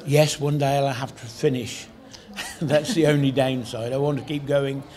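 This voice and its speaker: An older man with a middle-pitched voice gives a casual interview. He is a town crier from the Cotswolds in England and talks in a conversational way. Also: fairly even intonation, moderate pace, dark tone.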